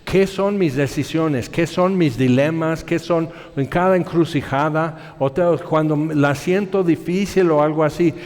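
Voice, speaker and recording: A man preaching a sermon, telling stories in an animated way and voicing other people in his quotes. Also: fairly high pitch, a little slow, hardly any pauses. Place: church hall. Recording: long hall reverb.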